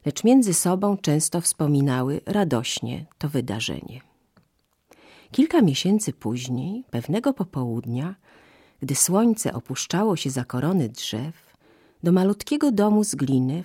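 Low husky woman reading a fairy tale. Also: no echo, studio quality. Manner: slow, expressive storytelling. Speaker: storyteller. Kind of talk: fairy tale read aloud.

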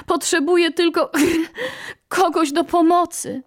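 A woman voicing a brave little parrot, hoarse and coughing from smoke, in a storybook reading. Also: extremely high pitch, steady tone, a little slow, voice pushed up. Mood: defiant. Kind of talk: storybook narration.

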